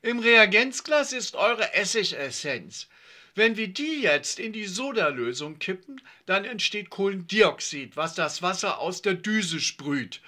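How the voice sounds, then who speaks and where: A man's voice: high-pitched, sing-song, unhurried, bright, forceful tone, voice pushed up, heavily acted. A man doing an earnest schoolboy explainer. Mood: earnest explaining.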